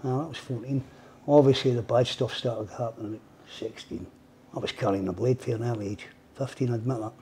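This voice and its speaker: A plain-spoken Scottish man in his fifties tells his story in a relaxed interview, his voice dark and mellow. He is blunt and drops "mate" into nearly every sentence. A faint hiss of noise sits under the lapel mic. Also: medium pitch, a little fast. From Scotland. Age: 50s. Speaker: guest. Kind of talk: casual interview. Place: indoor studio with mural wall.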